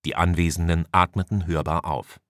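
A male audiobook narrator with a very deep voice, reading in an even, measured way. The recording is close and completely dry. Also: no room sound. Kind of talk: scripted narration.

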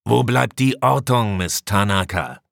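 A man plays a bad-tempered starship commander who hates losing control and barks out questions. The voice is pushed a little above the reader's own deep one, dry and close. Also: normal speed, fairly bright tone, no room sound. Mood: irritated. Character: male ship commander, irritable and commanding.

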